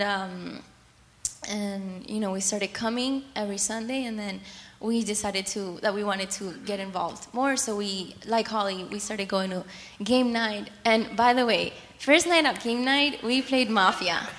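A young woman from Colombia chatting onstage about her church, lively and often laughing. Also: medium pitch, a little slow. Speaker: church member guest. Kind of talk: onstage testimony. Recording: echoey hall.

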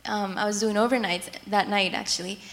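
A young woman from Colombia chatting onstage about her church, lively and often laughing. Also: medium pitch, fairly quick. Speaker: church member guest. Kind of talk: onstage testimony. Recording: echoey hall.

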